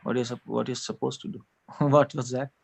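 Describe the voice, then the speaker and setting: Preaching to a small devotional gathering, a man speaks conversationally, quizzing the audience and laughing often. His medium-pitched voice is creaky and flat, delivered at a normal speed.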